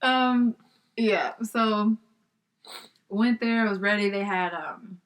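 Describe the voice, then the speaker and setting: A young adult woman appearing as a podcast guest tells a story in a casual, chatty way, speaking slowly at a medium pitch. She acts out the voices of the people she quotes and laughs often.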